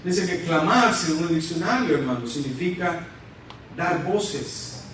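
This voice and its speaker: A man's voice: a little high, unhurried, a bit bright, slight background noise. A man preaching a fervent sermon to a congregation, constantly calling them brothers. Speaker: guest preacher. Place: church sanctuary. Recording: echoey church hall from far off.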